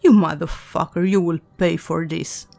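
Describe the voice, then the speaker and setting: Woman putting on a raspy demon guy, low and mocking, horror story. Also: fairly even intonation, unhurried, soft background music. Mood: menacing. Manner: menacing, mocking. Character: raspy taunting male demon monster.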